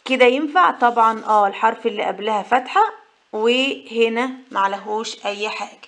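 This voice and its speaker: A woman with an Egyptian Arabic accent, her voice sitting a little high, teaches a step-by-step lesson. She poses a question and then answers it herself in a patient, explaining way. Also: a little fast, fairly bright tone. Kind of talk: whiteboard lesson for mothers.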